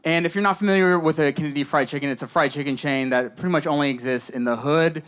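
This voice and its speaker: A young man performing a deadpan stand-up monologue for a live audience, telling stories with dry, mock-earnest understatement. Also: fairly high pitch, quick pace, clear, resonant tone. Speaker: stand-up comedian. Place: live comedy show before an audience. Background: audience laughter between lines.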